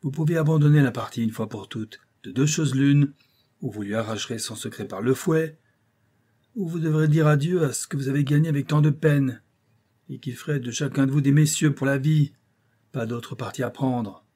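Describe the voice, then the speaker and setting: A man's voice: medium pitch, moderate pace, warm tone, pitched above the performer's own voice, close to an everyday voice. A man voicing a brutal, menacing ship captain in an audiobook, with harsh, commanding orders. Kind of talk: audiobook character voice.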